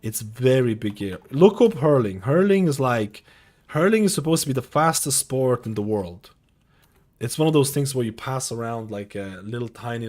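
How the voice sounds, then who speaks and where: Streaming from a room at home, a man from Lithuania in his thirties chats loosely with his viewers in a medium-pitched, darkish voice. His talk wanders and repeats, full of filler words.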